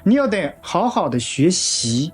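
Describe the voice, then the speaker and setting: A man's voice: sits high, sing-song, unhurried, husky, soft background music, exaggerated voice. A man acting a bossy, patronising Chinese audition official with a lecturing, condescending manner.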